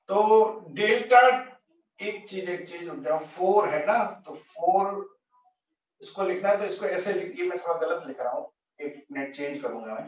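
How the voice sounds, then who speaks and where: High-voiced male teacher in an echoey room. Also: darkish tone. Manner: thinks aloud, self-correcting, asks the class. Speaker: physics teacher. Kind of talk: explaining at a whiteboard. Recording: echoey, distant, dull lo-fi room sound.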